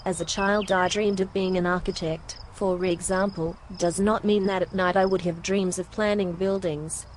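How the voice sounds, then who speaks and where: An Australian woman reads out a vocabulary lesson in a fairly low voice, careful and clear. There is a faint, steady noise behind her. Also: normal speed. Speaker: English teacher. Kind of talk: scripted lesson reading.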